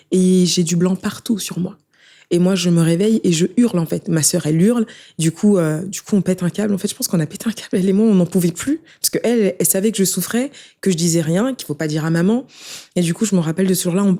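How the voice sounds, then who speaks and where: A young woman's voice, on the low side and dark in tone, tells her life story as an interview guest. She speaks rapidly and emotionally in a casual, conversational style, repeatedly turning to the listener with "tu vois."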